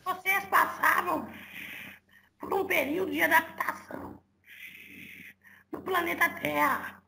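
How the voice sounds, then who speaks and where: A woman giving voice to a small spirit guide who speaks in a very high, thin whisper with a gravelly edge. It talks slowly and earnestly and keeps addressing the listener as "moço." The voice is bright and sharp, and faint background noise sits under it. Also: exaggerated voice, rough recording. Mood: whispery earnest. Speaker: spirit medium. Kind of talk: channeled spirit talk.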